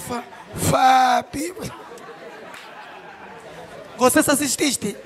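Very high-voiced man roasting crudely. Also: fairly even intonation, extremely slow, a faint crowd. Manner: crude, mocking, mixes shouting with sing-song teasing. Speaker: comedian. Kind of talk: stand-up roast.

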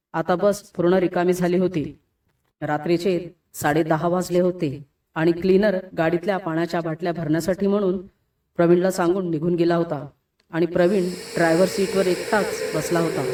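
A woman's voice: fairly low pitch, mellow, distant mic. A woman reading a scripted horror story aloud, speaking every character's lines in her own voice. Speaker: narrator.

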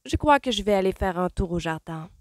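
A woman's voice: mid-range voice, lively intonation, fairly quick, no room sound, studio quality, voice pushed up, close to an everyday voice. A woman reading an audiobook voices a pushy older sister who presses and demands.

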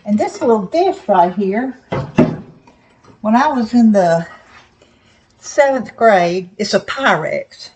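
An older woman with soft, slightly slurred toothless speech, chatting casually to camera in a folksy, plain-spoken, rambling way in her kitchen. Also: mid-range voice, background noise. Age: older, 60s or above. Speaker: home cooking vlogger. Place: small home kitchen, indoors.

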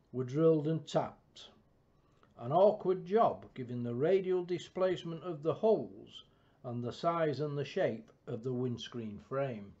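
A man giving a scripted, measured technical narration of an engineering build, with a dull lo-fi recording. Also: on the high side, mellow. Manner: measured, precise technical delivery. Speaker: project narrator.

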